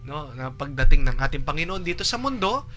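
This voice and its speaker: Bright-voiced man explaining in easy chat. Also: on the high side, very animated, fairly quick, faint music behind. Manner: explains patiently, tags lines with 'no?'; acts out shouted lines for comic effect.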